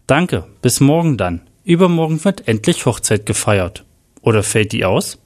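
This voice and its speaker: A man's voice: medium pitch, big pitch swings, normal speed, a little mellow, lightly acted. A man voicing a polite, curious male friend calling on the phone in an audio story.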